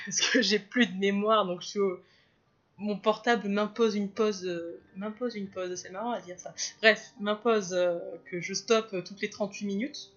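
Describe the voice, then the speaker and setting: A woman's voice: medium pitch, fairly even intonation, normal speed, a bit bright. Rambling woman vlogger, slightly muffled. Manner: rambling, hesitant, with many fillers and restarts. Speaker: drawing vlogger. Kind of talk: casual chat over a drawing video.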